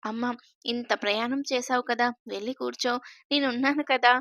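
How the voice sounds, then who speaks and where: A woman's voice: fairly high pitch, steady tone, moderate pace, a bit bright, dry recording, muffled recording. Woman reading as a teasing young man. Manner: mischievous, joking. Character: teasing playful young man, the heroine's suitor.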